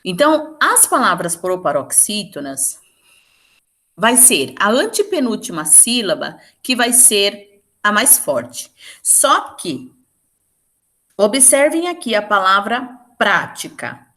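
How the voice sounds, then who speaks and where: A woman's voice: mid-range voice, sing-song, pushed and bright. Teacher woman explaining grammar rules. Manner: explains step by step, often checking in with "certo?"; slows down to stress example words. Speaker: Portuguese teacher. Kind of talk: exam-prep grammar lesson.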